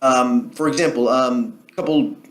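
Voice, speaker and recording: A man's voice: medium pitch, steady tone, moderate pace. A man with a New Jersey accent giving casual solo commentary, arguing his point in a rambling way with frequent ums and restarts. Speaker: political commentary vlogger.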